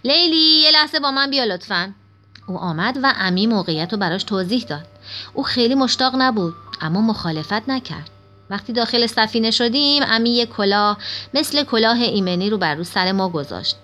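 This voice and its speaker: A woman reading a first-person children's story aloud at a steady pace. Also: medium pitch, faint music behind. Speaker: audiobook narrator.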